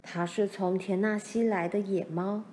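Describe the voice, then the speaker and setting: A woman voicing an eager young pioneer girl, speaking high and pleading. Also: steady tone, measured pace, mellow, slight background noise, close to an everyday voice. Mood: excited.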